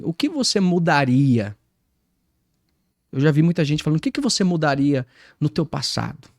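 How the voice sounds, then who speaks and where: A man with a Brazilian accent giving a personal faith testimony, telling his story in a lively way and acting out his own past words. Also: a little high, no echo, studio quality. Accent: Brazilian Portuguese.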